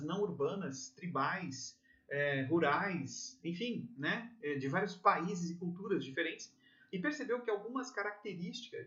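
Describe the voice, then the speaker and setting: Brazilian man, high-pitched exam-prep instructor, casual and animated, muffled lo-fi recording. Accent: Brazilian Portuguese. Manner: chatty, peppers sentences with "tá?" and "né?"; animated, plays out little scenes with his voice. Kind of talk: informal classroom lecture.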